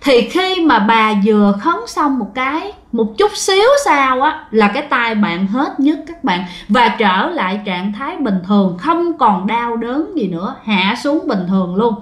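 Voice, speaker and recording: A woman's voice: fairly high pitch, big pitch swings, unhurried, hardly any pauses. A woman telling a ghost story, chatting directly to her listeners. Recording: roomy echo.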